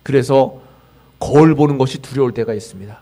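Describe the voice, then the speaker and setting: A man preaching a sermon as a pastor in a church, swinging from loud emphasis to near-whispered line endings and acting out voices of self-talk. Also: mid-range voice, brisk. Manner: dramatic swings in loudness, trailing off to near-whispers at line ends; acts out quoted self-talk and leads the congregation in call-outs. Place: church sanctuary.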